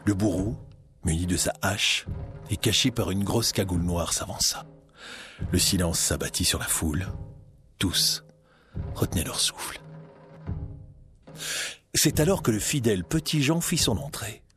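A man narrating a children's storybook in a dramatic, expressive reading. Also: low-pitched, a little slow, long pauses, faint music behind.

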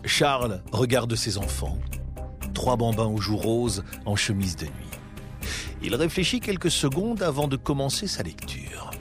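A man narrating a story in a measured, expressive storytelling voice. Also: medium pitch, over music.

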